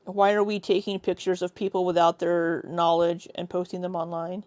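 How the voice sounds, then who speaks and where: A woman's voice: fairly low pitch, flat delivery, normal speed, darkish tone, no room sound. Woman co-host, casual livestream chat, blunt and profane, dry close sound. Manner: blunt, sweary, reads chat aloud.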